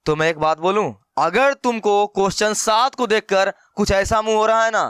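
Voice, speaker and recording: A man's voice: high-pitched, moderate pace, a bit bright, smooth, dry recording, studio quality. A man teaching a math lesson in a playful, teasing way, talking straight to his students. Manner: teasing, acts out students' replies, addresses viewers as brother. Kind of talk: playful classroom lecture.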